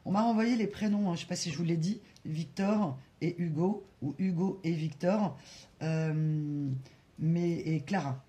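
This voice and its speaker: A French-speaking card reader giving a spiritual guidance reading, talking slowly with many hesitations and asides to spirit guides. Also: medium pitch, dark tone. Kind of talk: tarot-style guidance reading to camera.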